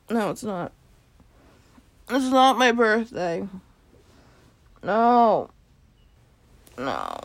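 Woman playing sleepy girlfriend roleplay, super slow n croaky, whiny teasing murmur, half whispered. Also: mid-range voice, no room sound, heavily acted. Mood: groggy, grumbling. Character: sleepy playful girlfriend waking late on her birthday. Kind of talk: intimate girlfriend role-play audio, partly whispered.

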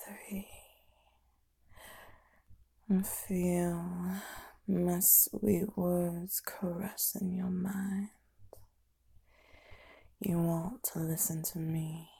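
A woman doing a whispered ASMR hypnosis, speaking in a slow, soft, unvoiced whisper as she counts down. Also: lowish voice, little pitch movement, gravelly, husky. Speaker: ASMR performer.

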